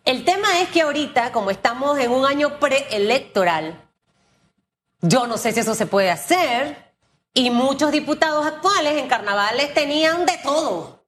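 A woman's voice: high voice, lively intonation, moderate pace, fairly bright tone, a little hiss or hum. Woman hosting a morning interview. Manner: conversational, asks pointed questions. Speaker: morning show host. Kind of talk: news talk show interview.

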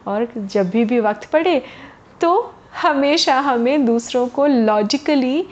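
A woman storyteller with a high voice speaks slowly, chatting directly to young listeners as she narrates a moral tale for children. The recording is dull and lo-fi.

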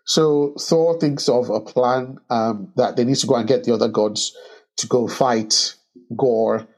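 Co-host, male, husky, mid pitch, loose halting movie recap. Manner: halting, many restarts and ums, animated when joking. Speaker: podcast co-host recapping a film. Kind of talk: casual movie discussion.

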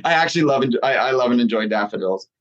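A man's voice: mid-range voice, expressive, fast talker, dull audio. A man hosting a casual interview, talking with playful enthusiasm and lots of restarts. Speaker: podcast host.

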